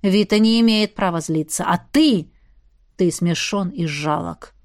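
A woman's voice: fairly low pitch, measured pace, no echo, studio quality. A woman voicing the stern eldest brother, a young man who questions his sibling in a commanding tone.

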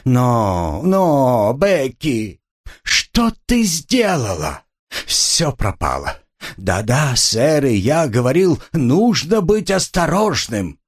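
A man's voice: mid-range voice, big pitch swings, takes it slowly, voice pushed up. A timid, fussy little old American frets and pleads in a lifted, wavering voice, as a male storyteller puts him on. His tone swings widely and he drags out his words when upset. Storybook reading. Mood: fretful. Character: small plump older American man, fussy and timid.

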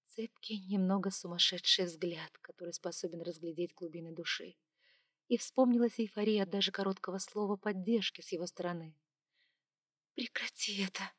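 A woman reading a novel aloud in first person with steady storytelling. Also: fairly low pitch, a little fast, no room sound, clean studio sound. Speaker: audiobook narrator. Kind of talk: first-person audiobook narration.

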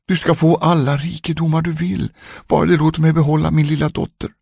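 A man's voice: fairly high pitch, level tone, vocal fry, darkish tone, slightly rough, no room sound, voice pushed up. A man reading a storybook, voicing a desperate young queen who pleads and guesses. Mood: pleading. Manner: pleading, imploring.

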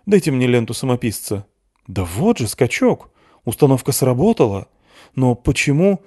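A man's voice: medium pitch, very animated, normal speed, darkish tone, voice pushed up. A man voicing an eager, nervous Soviet lab director. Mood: excited.

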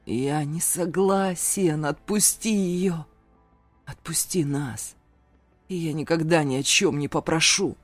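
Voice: mid-range voice, slow pace, dry recording, faint music behind. A reader doing a defiant young son. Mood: pleading. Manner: pleading and heated. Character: defiant young adult son, rebellious heir. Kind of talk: audiobook character voice.

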